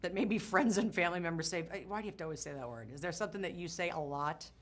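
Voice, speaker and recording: A woman's voice: fairly low pitch, very fast. A woman chatting effusively and conversationally as an interviewer at a press interview. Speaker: entertainment interviewer.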